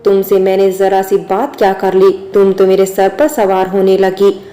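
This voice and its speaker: Brief: a sarcastic young drinking man, level monotone delivery, a woman reading him. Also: mid-range voice, a little slow, natural voice. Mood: teasing. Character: brash young man who drinks, gruff then teasing.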